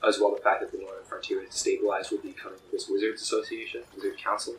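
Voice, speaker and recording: A man narrating a tabletop game as game master, describing scenes in an unhurried way with frequent pauses. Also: fairly low pitch, little pitch movement, far from the mic. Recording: echoey room with faint noise.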